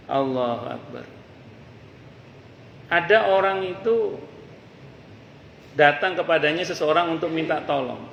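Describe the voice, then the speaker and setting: A man teaches a mosque study circle in a relaxed, conversational way, weaving in folk sayings and asides. His voice has a gravelly edge. The sound carries a long echo from the mosque hall, with faint ambience behind. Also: on the high side, slight background noise. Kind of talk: religious study lecture.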